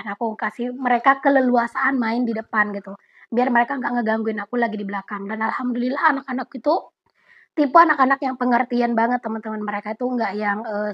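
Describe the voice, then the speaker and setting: A young woman talks through viewer questions in a relaxed, chatty vlog manner, turning to her audience again and again. Her voice sits a little high. The audio is dull and lo-fi, as from a simple home setup. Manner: relaxed, chatty, often addresses viewers directly. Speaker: vlogger answering viewer questions. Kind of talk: casual Q&A chat.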